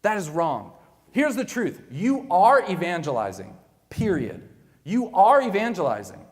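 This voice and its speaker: A man giving a lively, playful keynote talk to an audience, speaking straight to them. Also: high-pitched, unhurried. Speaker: keynote speaker, director of evangelization. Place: large church hall. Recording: echoey hall.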